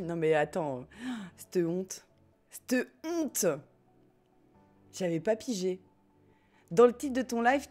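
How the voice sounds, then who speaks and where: A French woman with a medium-pitched, darkish voice live-streams a game with game music playing in the background. She chats casually with her chat, giggling and swearing offhandedly as she plays.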